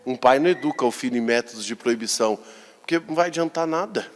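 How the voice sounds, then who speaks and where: Um padre com sotaque brasileiro pregando um sermão animado, encenando súplicas e elevando a voz em clamores. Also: male voice, a little high. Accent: Brazilian Portuguese. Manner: lively preaching, acting out quoted pleas and rising to cries. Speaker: priest. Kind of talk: sermon. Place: large church. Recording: long reverb of a large church.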